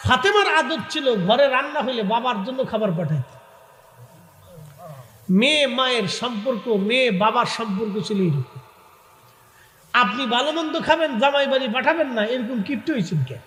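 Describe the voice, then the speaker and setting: A man preaching a waz sermon in a sing-song chanting delivery, calling on the crowd to answer and breaking into shouted high passages. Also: expressive, moderate pace, reverberant, in a large hall.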